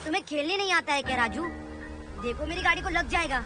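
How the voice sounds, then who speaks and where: Brief: woman doing a restless little boy, high and whiny, heavy music bed. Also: animated, fast talker. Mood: chatty. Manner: pleading, whiny child talk. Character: cheeky young boy, restless and stubborn. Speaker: son. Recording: dialogue under loud film music.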